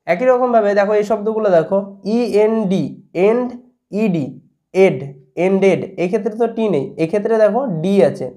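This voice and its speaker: A man with a Bengali accent and a fairly high voice teaches a video lesson step by step. He spells each word out letter by letter, then poses a question and answers it himself. He is recorded close to the mic. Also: brisk, dark tone. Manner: asks the viewer questions and answers them. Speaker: English teacher.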